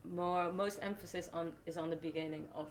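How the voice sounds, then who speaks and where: A young woman in her twenties from the Netherlands, a festival host explaining her work in a measured, step-by-step casual chat. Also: fairly low pitch, steady tone, a little hiss or hum.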